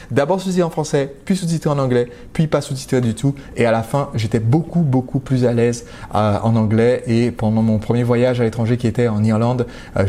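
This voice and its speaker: French man, live-stream host; warm, mellow delivery, direct and chatty, restarts often. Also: mid-range voice. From France. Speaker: entrepreneur hosting a live stream. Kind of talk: casual live-stream talk.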